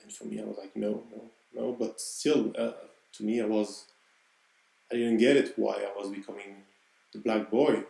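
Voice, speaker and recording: A man's voice: on the low side, fairly even intonation, normal speed, vocal fry, dark tone, echoey room, rough recording. A man with a French accent, hosting a podcast and telling a personal story in an earnest, reflective way. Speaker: podcast host.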